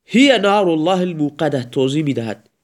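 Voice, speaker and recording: A man with a slightly high voice gives a recorded grammar lecture. He explains each point step by step, lifting his voice whenever he recites an example sentence. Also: expressive. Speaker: Arabic grammar teacher.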